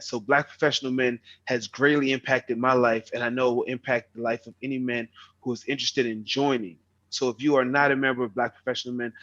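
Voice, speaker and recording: A man's voice: mid-range voice, a bit bright. Young guy hosting a video call meetup, earnest, kinda muffled lo-fi sound. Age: young adult. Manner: earnest, repeats words when starting. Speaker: meeting host. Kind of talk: online meeting address.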